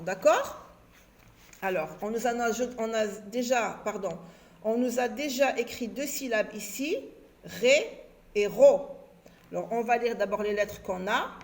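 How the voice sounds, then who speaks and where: A primary school teacher with a slightly high voice records a lesson for young children. She slowly spells out letters and syllables, repeating herself for them.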